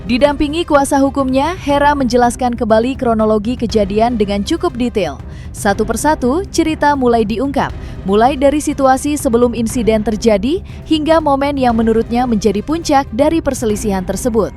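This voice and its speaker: A woman reading scripted entertainment news narration in a smooth, even way. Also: on the high side, brisk, soft background music.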